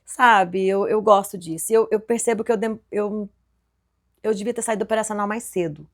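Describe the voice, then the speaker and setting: Brazilian woman business owner, guest; rapid-fire, lively storyteller who often restarts her sentences. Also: mid-range voice. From Goiás, Brazil. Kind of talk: casual interview chat.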